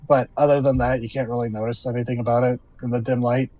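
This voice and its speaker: A man's voice: medium pitch, flat delivery, fast, mellow, no room sound, muffled recording. A man narrating a tabletop role-playing game as game master, describing scenes in a conversational way with asides.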